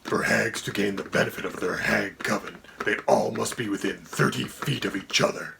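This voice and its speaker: A man doing Quill, a gravelly whispering dragon. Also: fairly low pitch, moderate pace, background noise. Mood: deadpan. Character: ancient, haughty dragon, deep and gravelly. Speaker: co-host. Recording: music playing under the voice.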